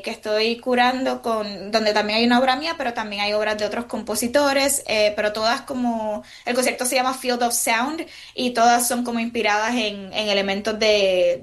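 Puerto Rican woman composer, slightly high voice. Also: a bit bright. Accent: Puerto Rican Spanish. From Puerto Rico. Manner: thoughtful, many fillers and restarts. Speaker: guest composer. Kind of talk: radio interview.

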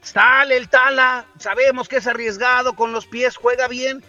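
Man, Mexican accent, sports host, high-pitched, bright, playful banter, muffled audio. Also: fairly even intonation, moderate pace, soft background music. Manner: jokey, playful wordplay.

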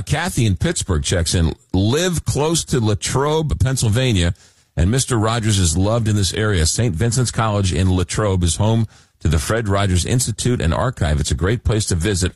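A man with the smooth, easy delivery of a late-night radio host. His voice sits on the low side yet moves through a wide, lively melody. The sound is dry and close, as from a studio microphone. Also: normal speed, no room sound. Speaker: radio call-in show host. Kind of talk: late-night talk radio, reading texts and taking calls.

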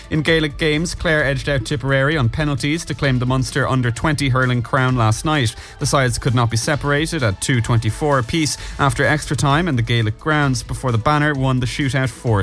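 A man's voice: medium pitch, a bit bright. A man reading a scripted weather and sports bulletin on the radio. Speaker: radio news and sports reader.

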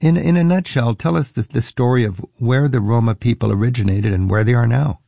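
A man's voice: mid-range voice, fairly quick, creaky, dark tone, dry recording. A man hosting an interview, curious and conversational, often rephrasing his questions as he goes. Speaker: interview host. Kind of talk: casual interview chat.

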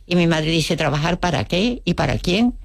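On the low side and animated, this older woman's voice carries vocal fry at a normal speed in an echo-free studio recording. Russian by mother tongue with an Andalusian Spanish accent, she shares memories as an interview guest, acting out quotes with wry humor.

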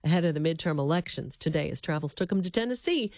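A woman reads a news bulletin in a crisp, formal manner. Her voice sits low for a woman and sounds dry, close to the mic. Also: lively intonation, fast talker, a little mellow, dry recording. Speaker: news anchor.

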